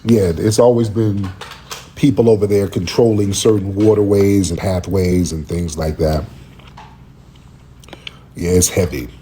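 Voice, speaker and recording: A man's voice: sits low, steady tone, a little slow, long pauses, warm tone, a little hiss or hum. A man hosting a casual livestream call-in, rambling and searching for words while he is under the weather. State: under the weather, lozenge in mouth.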